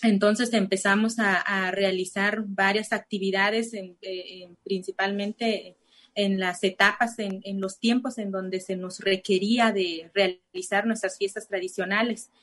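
A woman from Nayarit, Mexico, whose first language is Cora (Náayeri), gives personal testimony in Spanish as an interview guest. She speaks hesitantly at a measured pace, with many fillers and restarts, in a medium-pitched, fairly bright voice with fairly even intonation.

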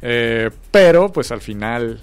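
A man's voice: medium pitch, lively intonation, slow pace, clear, resonant tone, dry recording, soft background music. Rambling man chatting about film. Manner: rambling, hesitant, many fillers. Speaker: podcast co-host. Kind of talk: casual chat about film awards.

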